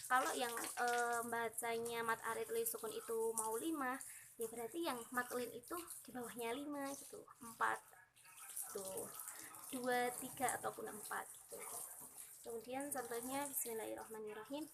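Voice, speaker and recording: A young woman with an Indonesian accent talks through Quran recitation rules casually, with a high, light voice. She fills her sentences with "gitu", and she draws the example verses out slowly. Clear background noise sits under the recording. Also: fairly even intonation. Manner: chatty explaining, frequent "gitu" and fillers, slow drawn-out recitation of examples. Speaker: student teaching Quran recitation.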